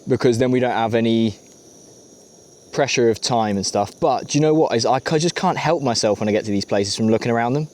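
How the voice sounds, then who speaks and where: A man's voice: medium pitch, brisk, darkish tone. A British man chatting casually and jokily as he vlogs from an outdoor camp. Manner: jokey, matey. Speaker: camping vlogger. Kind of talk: casual vlog chat while cooking outdoors. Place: outdoors at a campsite.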